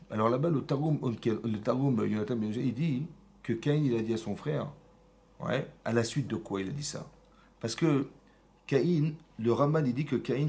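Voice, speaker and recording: A man teaching a Torah class in a synagogue, lively and often checking in with his listeners. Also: medium pitch, vocal fry. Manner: lively, asks frequent check-in questions, mixes Hebrew terms. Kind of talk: animated Torah lesson with questions to the audience.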